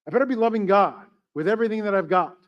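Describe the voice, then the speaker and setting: A man's voice: high voice, fast talker, dull audio. A man preaching as pastor to his church, chatty and joking, asking the congregation questions. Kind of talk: sermon.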